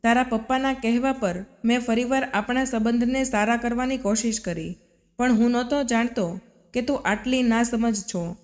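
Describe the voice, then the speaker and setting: A woman's voice: a little high, normal speed, darkish tone, close to an everyday voice. A woman voicing a young husband who pleads with and reproaches his wife, in a storybook reading. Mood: reproachful. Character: young husband, earnest then hurt and angry. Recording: long reverb.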